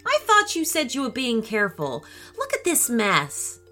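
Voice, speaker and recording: Woman reading as a patient mother in a bedtime story, soothing, bright tone, lively pitch, brisk then calm. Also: faint music behind, heavily acted. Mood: reassuring.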